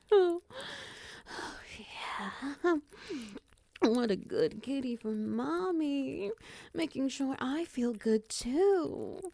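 Slow, mellow woman with a gravelly edge. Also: mid-range voice, no echo. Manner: slow, soft and teasing, dipping into whispers. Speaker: audio roleplay performer. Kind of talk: intimate scripted audio roleplay.

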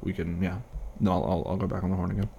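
A man playing an easygoing airline pilot, chatting casually and haltingly with a colleague in a one-sided role-play. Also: low-pitched, little pitch movement, creaky, mellow, a little hiss or hum. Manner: casual, halting, reassuring co-worker chat.

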